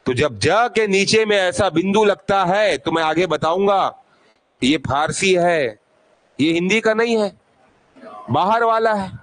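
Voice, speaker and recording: High-voiced man teaching slowly. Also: lively intonation, fairly bright tone. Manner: asks questions and answers them himself; repeats sounds slowly to demonstrate. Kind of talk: classroom grammar lesson.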